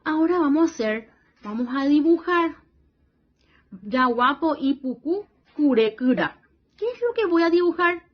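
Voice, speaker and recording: Slow, patient woman teacher, lo-fi. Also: sits high, animated. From Paraguay region. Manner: slow, patient, repeats praise and checks in with "¿sí?". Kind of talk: worksheet lesson for young children.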